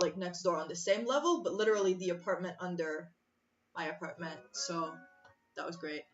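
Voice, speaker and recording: This chess streamer, originally from the former USSR with Russian as her first language, has a voice on the low side with a bit of brightness. Thinking aloud over chess puzzles, she chats casually, breaks off mid-thought and laughs often; her mic is slightly distant and muffled, with faint music behind her.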